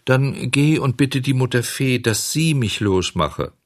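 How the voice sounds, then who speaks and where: A man's voice: mid-range voice, lively intonation, measured pace, dry recording, studio quality, voice pushed up, close to an everyday voice. A man reading a storybook and voicing a naughty wooden puppet boy who pleads and grows impatient. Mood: pleading, impatient.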